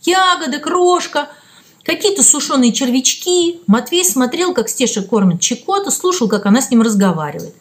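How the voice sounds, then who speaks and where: Expressive woman reading a story. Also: sits high, normal speed. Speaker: reader. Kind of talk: audiobook narration of a children's story.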